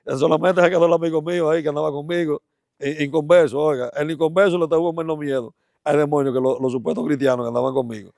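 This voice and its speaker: A man telling a testimony as an evangelist, halting often and repeating words as he talks. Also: on the high side, vocal fry, dry recording, clean studio sound. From Dominican Republic. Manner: halting, stammering repetitions, animated. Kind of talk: testimony storytelling.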